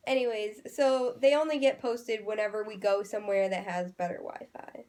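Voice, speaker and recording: A congested, worn-out young woman chats in a late-night travel vlog with a mid-range voice. She backs her friend up with steady agreement, and a faint hiss sits under the hotel room recording. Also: mid-range voice, moderate pace. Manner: agreeable, lots of "yeah" backchannel. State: congested, exhausted. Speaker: vlogger.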